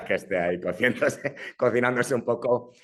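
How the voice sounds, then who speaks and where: A medium-pitched, fairly bright male voice moves at a moderate pace. It belongs to a young Brazilian filmmaker raised in Madrid who, as a relaxed interview guest, keeps using English fillers and starting his sentences over.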